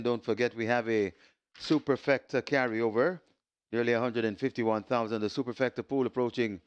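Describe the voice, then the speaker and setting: A man's smooth voice comes through racetrack loudspeakers, measured and repeating each notice. The sound is a little muffled and dry, without a long echo. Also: medium pitch. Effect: heard through loudspeakers. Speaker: racetrack public address announcer. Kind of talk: public address announcements.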